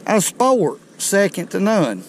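A middle-aged man, chatting to viewers in a folksy, excited way while fishing from a riverbank, recorded on a chest-mounted camera outdoors. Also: high voice, takes it slowly, a little hiss or hum. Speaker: fishing video host. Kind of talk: casual outdoor commentary. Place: outdoors on a rocky riverbank below a dam. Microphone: chest-mounted action camera.

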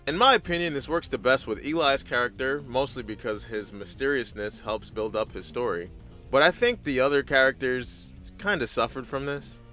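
Man, low bright voice, recap host, blunt, sweary, opinionated, casual scripted commentary, faint music behind.

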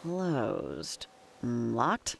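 A woman's voice: very deep voice, huge pitch swings, very slow, creaky, a little hiss or hum, full character voice. An actress playing a wry young woman in a game, dry and sarcastic.

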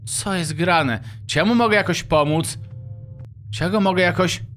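A man's voice: high-pitched, normal speed, a bit bright, soft background music. A man hosting a let's-play, commenting playfully and reading the game's dialogue aloud. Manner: playful, reacts with exclamations. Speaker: gaming video host.

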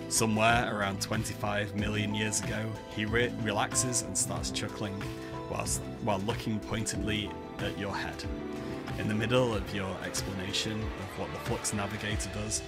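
Chatty Mancunian man, fairly low voice. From Manchester, England. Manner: chatty, self-mocking asides between read passages. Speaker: host, palaeontologist. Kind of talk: reading a text adventure aloud with casual chat. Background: background music.

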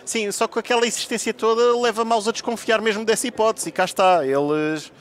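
A man's voice: sits high, fairly even intonation, a little fast. A man with a European Portuguese accent co-commentating an esports match, analysing the play in a conversational way. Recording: clear noise behind, game ambience.

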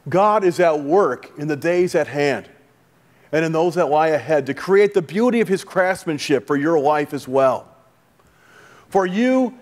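A middle-aged man speaking as a pastor at a funeral, reading liturgy and prayers in a solemn, measured, formal way. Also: on the high side. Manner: solemn, measured, formal delivery with falling phrase endings. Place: large church sanctuary, indoors before a congregation. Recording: reverberant church hall.

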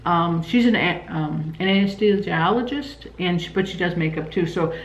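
A woman's voice: fairly low pitch, moderate pace. A woman chatting casually on a home vlog with a dry, teasing manner. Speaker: vlog co-host. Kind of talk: casual chat. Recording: roomy, dull lo-fi sound.

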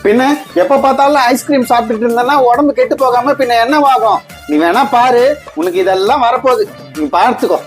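A woman's voice: fairly high pitch, quick pace, soft background music, close to an everyday voice. A woman playing a teasing, fussy father who scolds his little daughter in a comedy skit. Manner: teasing, then flustered and panicky.

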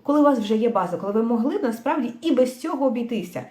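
A woman teaching a language lesson on a livestream, speaking thoughtfully with frequent pauses and fillers, and mixing in English words. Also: on the high side, animated, mellow, roomy sound.

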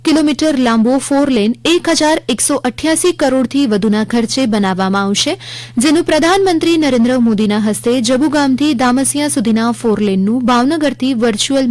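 High-voiced woman reading radio news. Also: no echo. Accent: Gujarati. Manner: measured formal delivery. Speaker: news reader. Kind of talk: scripted radio news bulletin.

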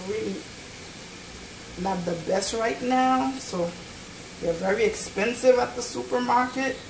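A woman with a creaky, medium-pitched voice runs a casual cooking demonstration at home, chatting instructively as she works. The camera mic sits across the echoey kitchen, capturing background noise too.

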